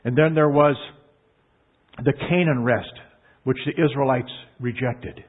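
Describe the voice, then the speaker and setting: A man preaching a sermon in an earnest, emphatic way, leaning hard on key words. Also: medium pitch. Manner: earnest, emphatic, drawn-out stresses. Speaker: pastor. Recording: tinny phone-like line.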